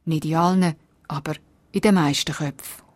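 A woman's voice: deep voice, fairly even intonation, moderate pace, no room sound. Woman reading a dry radio feature. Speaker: radio reporter. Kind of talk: scripted radio feature narration.

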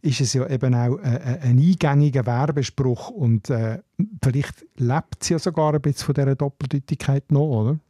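A man's voice: mid-range voice, moderate pace, mellow, no room sound, clean studio sound. A man with a Swiss German accent, a linguist co-hosting a casual chat, who explains patiently and often ends on a questioning "oder?". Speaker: linguist co-host.

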